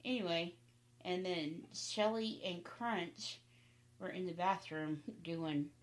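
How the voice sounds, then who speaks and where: A woman's voice: on the low side, takes it slowly. A woman telling a rambling family story as podcast host, with many asides. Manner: rambling, laughing, frequent asides.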